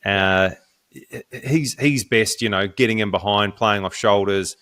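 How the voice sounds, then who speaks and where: A man, co-hosting a casual sports podcast, talking in halting runs with frequent restarts. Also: on the low side, a bit bright. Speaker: podcast co-host.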